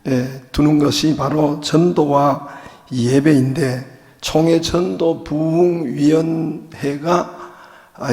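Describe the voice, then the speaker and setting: A man's voice: fairly high pitch, darkish tone. A male pastor preaching a sermon in a chatty, joking way, full of small fillers. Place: church sanctuary. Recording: long reverb of a church hall.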